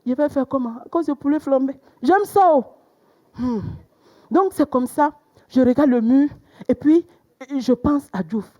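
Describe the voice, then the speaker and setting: A young woman performing a stand-up comedy routine, telling stories with sudden loud exclamations. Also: sits high, measured pace. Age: young adult.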